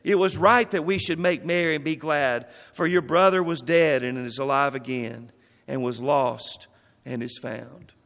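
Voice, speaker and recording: A man's voice: medium pitch, steady tone, unhurried, gravelly, a bit bright, long reverb tail. A man preaching a sermon. He reads scripture passages aloud and then explains them.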